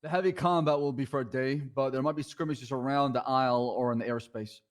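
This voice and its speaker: A man's voice: mid-range voice, steady tone, brisk. A man playing a police commissioner in a game role-play, giving short, matter-of-fact answers about tactics.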